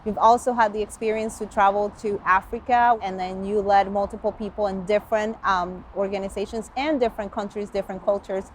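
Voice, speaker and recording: A woman's voice: medium pitch, fairly even intonation, fairly quick, hardly any pauses, slight background noise. A woman hosting an interview, upbeat and friendly, who switches between languages. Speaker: interview host.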